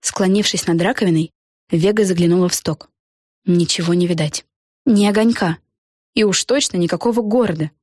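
A woman reading a children's storybook aloud in an expressive, measured manner. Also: lowish voice, breathy edge, no echo, studio quality. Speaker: audiobook narrator. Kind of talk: storybook narration.

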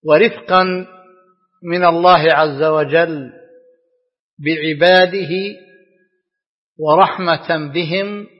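A man giving a scripted religious lecture in formal standard Arabic, as a scholar, with measured, deliberate phrasing broken by pauses. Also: a little high, steady tone. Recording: dull lo-fi, long hall reverb.

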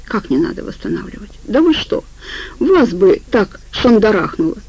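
A woman's voice: mid-range voice, moderate pace, mellow, lightly acted, low-quality recording. A woman reading the part of a confused, uncertain man who has lost his memory, in an audiobook. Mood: indignant. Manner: uncertain, flustered.

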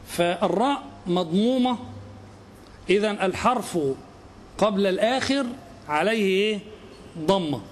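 A male teacher with a fairly high voice. He reads the grammar text aloud, explains it and quizzes the listener with questions. His throat gets cleared often, with faint noise under the recording. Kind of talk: classroom lecture on Arabic grammar.

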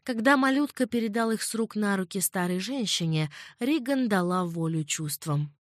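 A woman's voice: medium pitch, expressive, moderate pace, dry recording, studio quality. Woman reading a romance audiobook. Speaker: audiobook reader. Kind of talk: scripted narration.

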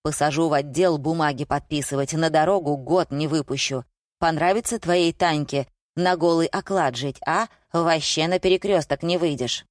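Woman voicing a gruff sulky male traffic cop. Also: deep voice, moderate pace, no echo, clean studio sound, lightly acted. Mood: threatening. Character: grumpy male traffic police officer, touchy.

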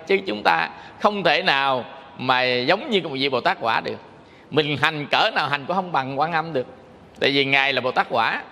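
A man's voice: fairly high pitch, gravelly, bright, forceful tone, long reverb tail. A man from Vietnam, a Buddhist monk giving a dharma talk in a conversational way, often asking his listeners questions. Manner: conversational, asks the audience questions.

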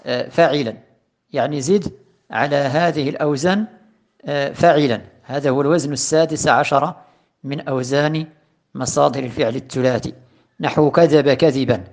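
Male grammar teacher, recorded lesson; deliberate, repeats and stresses patterns. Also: fairly high pitch. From Morocco. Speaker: teacher of Arabic morphology.

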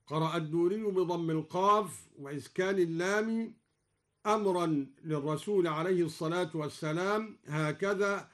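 A man who is a Quran scholar, explaining recitation variants on radio and chanting each example slowly and carefully. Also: sits high. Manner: explains, then chants slow measured examples.

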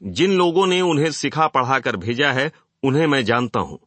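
A man voicing an earnest male reformer who makes a forceful appeal to a hostile hall in an audiobook. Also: mid-range voice, lively intonation, normal speed, voice pushed up.

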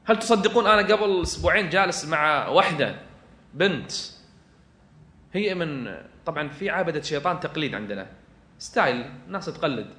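A man preaching with a Kuwaiti accent, moving from quiet asides to loud, fervent exhortation. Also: fairly high pitch, animated, a little fast, long pauses. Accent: Kuwaiti Arabic. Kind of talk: religious lecture to an audience. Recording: echoey room.

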